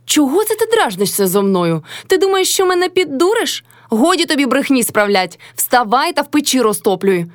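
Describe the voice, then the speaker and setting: A woman's voice: sits high, animated, brisk, fairly bright tone, dry recording, studio quality, pitched above the performer's own voice. A woman voicing a bossy, nagging older peasant mother-in-law who scolds her household. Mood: scolding. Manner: nagging, commanding.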